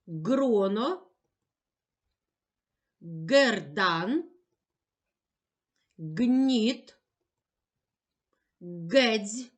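A woman teaching a slow, clearly articulated literacy lesson to young children in a gentle, sing-song manner. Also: medium pitch. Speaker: primary school teacher.

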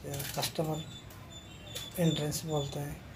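A man films a casual walkthrough of a large shopping mall, outdoors and inside, on his phone, repetitively addressing viewers as friends. He speaks at a measured pace in a fairly high, completely flat voice, against a noisy background.

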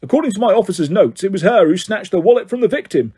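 A man voicing a desk sergeant, stern, pompous, loud, husky, storybook reading. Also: high-pitched, lively intonation, fast talker, pitched above the performer's own voice, exaggerated voice. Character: gruff bullying middle-aged male desk sergeant.

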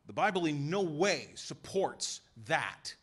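A man preaching a sermon in a church, emphatic and full of rhetorical questions and quick voiced asides. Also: fairly high pitch, big pitch swings, fairly bright tone, slightly rough. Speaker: pastor. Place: church sanctuary.

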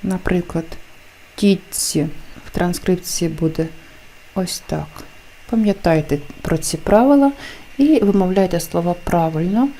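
A woman teacher explaining pronunciation rules in a deliberate lesson, carefully enunciating example words. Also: lowish voice, mellow, a little hiss or hum. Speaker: language teacher.

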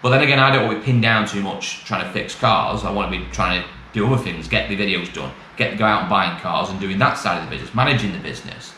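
A middle-aged British man, a used car dealer and vlogger, gives a casual, matter-of-fact, rambling update to camera in colloquial speech. His fairly low voice moves quickly with few pauses and sounds pushed and bright. The small bare office is echoey, with clear background noise.

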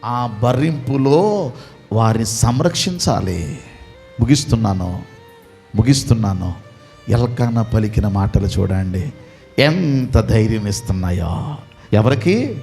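A male pastor, preaching a sermon, swinging from quiet pleading to shouting and repeating questions to the congregation. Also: medium pitch, expressive, slow pace, gravelly, faint music behind.

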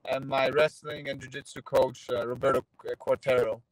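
The recording is dry and low-quality: a thirty-something Polish fighter from Poland, a native speaker, chats from his parked car into a phone at arm's length. His mid-range voice moves at a moderate pace, easygoing, with frequent fillers and restarts in this casual video-call interview.

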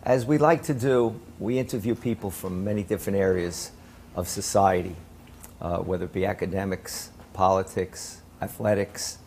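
An older man hosting a local cable talk show from a small studio, speaking in a formal, measured way with frequent "uh" fillers. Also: deep voice, steady tone, a little mellow, slight background noise.

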